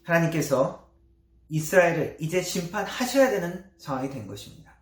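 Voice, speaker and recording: A man's voice: on the high side, expressive, fairly quick. Male pastor preaching in an echoey church. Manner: earnest preaching with rising emphasis and soft trailing endings. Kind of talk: sermon. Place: church sanctuary.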